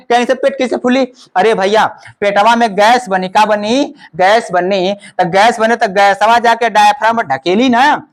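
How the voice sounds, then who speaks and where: A male teacher explains a lesson over a diagram, asking questions and answering them himself with much repetition. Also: high voice.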